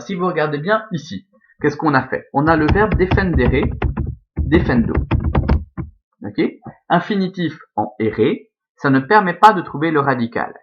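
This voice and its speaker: A man's voice: medium pitch, lo-fi sound. A man teaching a Latin grammar lesson, explaining patiently step by step and checking in with his students.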